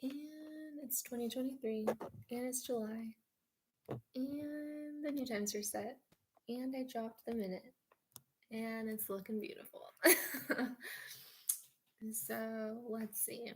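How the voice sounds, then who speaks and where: A woman's voice: fairly high pitch, slow pace, long pauses, slight background noise. An American woman telling a meandering personal story in a dreamy, sleepy way, full of fillers and "like". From United States. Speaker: vlogger.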